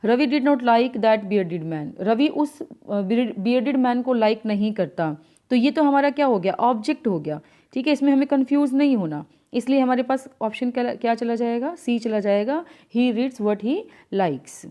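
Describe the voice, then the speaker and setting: A woman teacher, explaining answers to an English exam step by step, reading the English questions out slowly. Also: fairly high pitch, lively intonation, dark tone. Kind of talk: exam answer key lesson.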